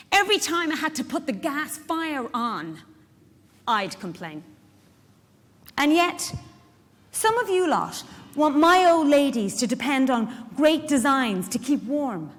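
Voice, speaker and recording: An actor, a woman with an Irish accent and a high voice, performs a live dramatic monologue in full character as a feisty, protective care worker. Her manner is conversational and wry, with rhetorical questions to the audience, and the large indoor event hall makes the stage reading echoey.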